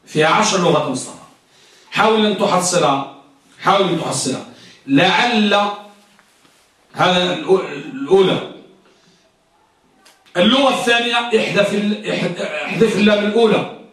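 High, bright-voiced man teaching in an echoey room. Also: moderate pace, pauses often, recorded from a distance. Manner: quizzes students, repeats and drills points. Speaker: Arabic grammar teacher. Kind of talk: classroom grammar lesson. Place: classroom. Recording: echoey classroom recorded from afar.

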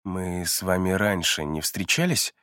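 A man's voice: sits low, measured pace, sharp tone, no echo, pitched below the performer's own voice. Guarded middle-aged male detective, terse and subdued, as the narrator plays him; dry, close read.

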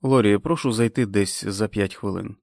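A man playing a calm, kindly doctor who speaks in a measured, reassuring way. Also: fairly low pitch, creaky, dry recording, clean studio sound.

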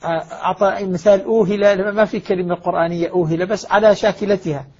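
A man's voice: high voice, fairly even intonation, quick pace, darkish tone, breathy edge. A middle-aged man, a scholar explaining recitation rules, stressing quoted words emphatically. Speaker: Quranic recitation scholar teaching. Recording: muffled lo-fi audio.

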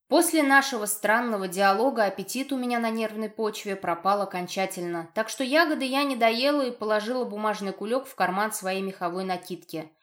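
A woman narrating a fantasy novel in the first person, in a lively, ironic storytelling tone. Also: medium pitch. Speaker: audiobook narrator.

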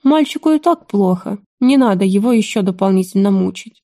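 A woman voicing a soft-spoken, calm old grandmother. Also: medium pitch, brisk, close to an everyday voice. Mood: gentle. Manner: soft, soothing.

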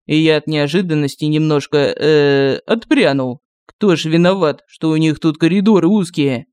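A male narrator voicing a calm, phlegmatic male turtle warrior in an audiobook. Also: a little high, moderate pace, clean tone, no echo, clean studio sound, lightly acted. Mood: deadpan.

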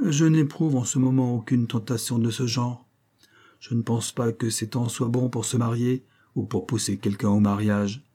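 A man voicing a gentle, melancholy young gentleman who speaks with courtesy. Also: medium pitch, fairly even intonation, normal speed, close to an everyday voice.

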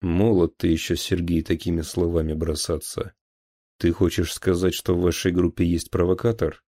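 Man doing a brisk dutiful police officer, audiobook figure, matter-of-fact, deep voice. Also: flat delivery, dark tone, no room sound. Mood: firm, businesslike. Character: dutiful male police officer, loyal to his men.

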